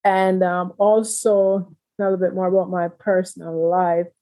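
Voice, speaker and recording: A woman in her thirties, a community advocate speaking as a guest, earnest and steady in long, building sentences. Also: fairly low pitch, a little slow, poor audio. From Jamaica. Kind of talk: interview conversation.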